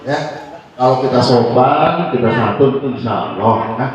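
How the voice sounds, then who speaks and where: Animated man telling stories in an echoey room. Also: mid-range voice, unhurried, lo-fi sound, a crowd in the background. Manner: animated storyteller, acts out customer dialogue. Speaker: AC technician and trainer. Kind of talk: casual advice chat. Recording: echoey room, mic far off.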